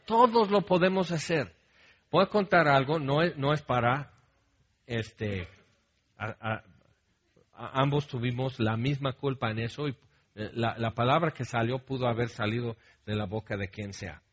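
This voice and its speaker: A pastor with a Mexican Spanish accent preaches in a conversational style, frequently checking in with the congregation and telling humorous stories full of asides. His mid-range voice is husky, and the recording sounds muffled.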